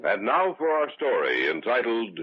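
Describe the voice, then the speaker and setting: A man's voice: medium pitch, big pitch swings, moderate pace, distant mic, a little hiss or hum. A man hosting an old-time radio drama with a dramatic, ominous delivery. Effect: old-time radio show sound. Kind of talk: 1940s radio drama announcing. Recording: lo-fi old radio recording in a long reverb.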